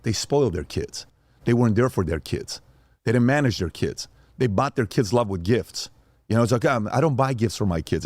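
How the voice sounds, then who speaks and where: A middle-aged man with a lowish voice tells stories in a casual, animated way. He stresses his points by repeating them. The sound is dry and close, with no room around it. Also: no room sound. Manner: emphatic, animated retelling with repetition. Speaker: podcast host. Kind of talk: casual storytelling talk.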